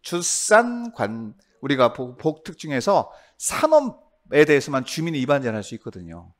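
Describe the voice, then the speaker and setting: A man teaching a real estate law exam review, quizzing his class with quick tag questions. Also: mid-range voice, wildly swooping pitch.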